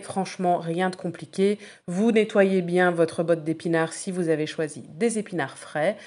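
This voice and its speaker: Chatty woman with a low voice. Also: darkish tone. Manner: chatty, many hesitant fillers. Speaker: food blogger. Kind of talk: casual recipe podcast.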